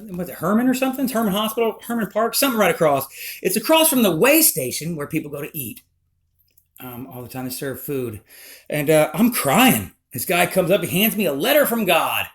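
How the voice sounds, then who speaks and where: A man recounting a personal life story in a rambling, emotional, animated way. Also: sits high.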